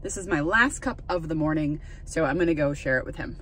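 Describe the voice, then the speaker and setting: With a deep, somewhat bright voice and lively intonation, a woman in her thirties speaks fairly quickly to her handheld phone camera. She's a flower farmer giving casual vlog narration outdoors in cold weather and partly in a car, chatting, thinking aloud and correcting herself over slight background noise.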